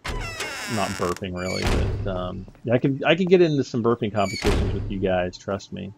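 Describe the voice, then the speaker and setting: A man's voice: on the low side, lively intonation, brisk, creaky, noisy background. A man giving casual, rambling commentary over his gameplay, chuckling often between thoughts. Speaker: gaming YouTuber.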